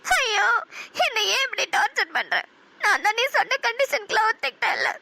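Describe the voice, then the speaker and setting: A woman's voice: extremely high pitch, big pitch swings, brisk, vocal fry, sharp tone, no echo, exaggerated voice. A woman voicing a heartbroken young woman in a cartoon, crying and pleading, with a Namakkal Tamil accent. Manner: pleading, sobbing.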